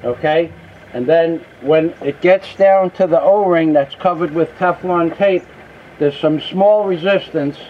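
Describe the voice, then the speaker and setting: A man's voice: on the high side, measured pace. A man patiently explaining a machine repair outdoors, step by step, recorded on a camera mic. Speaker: mechanic demonstrating a repair. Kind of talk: casual how-to instruction. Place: outdoors beside heavy machinery. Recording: phone-like, faint outdoor noise.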